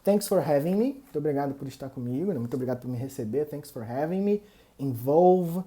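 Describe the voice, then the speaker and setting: Young Brazilian male English teacher, mellow dark voice, repeats vocabulary slowly for pronunciation drills. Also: a little high, animated. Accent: Brazilian Portuguese. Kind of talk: English lesson for Portuguese speakers.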